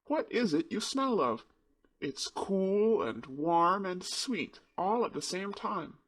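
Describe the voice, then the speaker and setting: A man doing a sickly boy's excited high voice. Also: normal speed, slightly rough, exaggerated voice. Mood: delighted. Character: sickly boy, excited and delighted.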